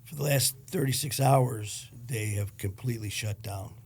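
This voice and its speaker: Gravelly man telling a blunt story. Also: medium pitch, moderate pace, slight background noise. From Detroit. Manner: blunt, profane, animated retelling with quoted dialogue. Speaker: podcast guest. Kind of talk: casual storytelling.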